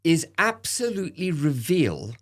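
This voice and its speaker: A man speaking as a guest in a studio discussion, halting and restarting often as he makes his points. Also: a little high, big pitch swings. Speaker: guest commentator.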